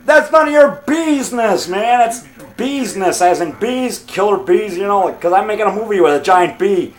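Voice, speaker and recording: High-pitched, defiant middle-aged man arguing. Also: lively intonation, moderate pace. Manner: defiant, boastful, punctuating with "brother" and "pal". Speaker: low-budget monster movie maker. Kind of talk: combative, off-the-cuff argument, one side of a phone call.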